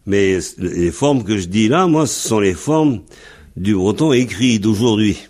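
A man's voice: lowish voice, lively intonation, unhurried, a little mellow. A man teaching Breton on a radio lesson, patiently repeating and spelling out word forms.

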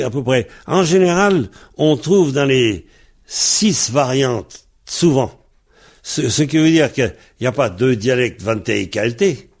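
A gravelly, medium-pitched man teaches Breton pronunciation with patience. He spells words out letter by letter and compares the variants from different dialects.

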